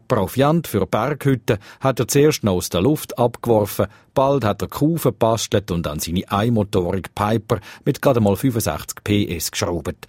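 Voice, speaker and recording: A man with a Swiss German accent and a slightly husky voice, narrating a scripted radio feature as a reporter. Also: lowish voice, a little mellow, no echo.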